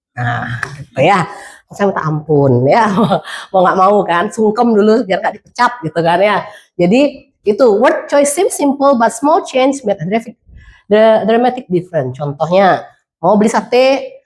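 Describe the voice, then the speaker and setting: Lively Indonesian woman lecturer. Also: medium pitch, normal speed. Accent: Balinese Indonesian. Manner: lively, demonstrative, asks the class questions. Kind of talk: classroom lecture mixing English phrases.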